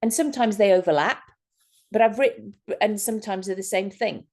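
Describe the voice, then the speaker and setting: A woman's voice: medium pitch, a little fast, gravelly. A woman hypnotist talking casually to a workshop group, acting out people's reactions as she explains techniques. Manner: animated, acts out quoted reactions.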